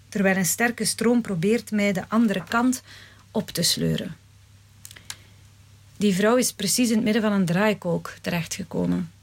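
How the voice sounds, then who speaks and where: A woman reading a first-person story aloud in a measured, dramatic way. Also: medium pitch, darkish tone. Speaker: narrator.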